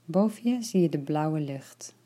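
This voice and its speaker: A woman leading a guided relaxation, her voice low and mellow. She talks slowly and softly, sometimes dropping to a whisper. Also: lively intonation. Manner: slow, soft and soothing, partly whispered.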